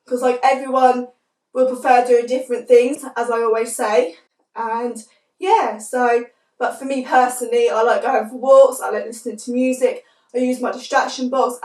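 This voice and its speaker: A young adult vlogger chats casually to camera in a fairly high voice gone croaky and stuffed-up with a cold. Soft-spoken, she rambles and leans heavily on "like," and the roomy audio sounds a little distant, as though the mic sits across her bedroom.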